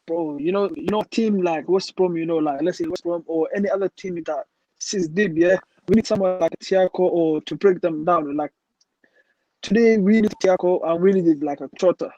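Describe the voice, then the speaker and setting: Man, higher voice, mellow tone, calling in over a choppy muffled connection, casual slangy delivery. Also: no echo. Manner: casual, slangy, asks if he can be heard. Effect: laggy, cutting-out online call connection. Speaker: football fan panelist. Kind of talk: casual chat. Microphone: remote call audio. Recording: muffled lo-fi call line.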